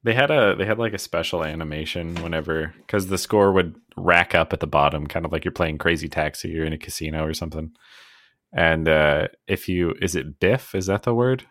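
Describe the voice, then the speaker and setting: A man with a very deep, low voice, talking in a relaxed podcast chat. He rambles good-naturedly, pokes fun at himself and breaks into laughter often. The sound is close and dry, with no room echo. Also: fairly quick. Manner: chatty and self-deprecating, often laughing. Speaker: podcast co-host. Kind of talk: casual chat.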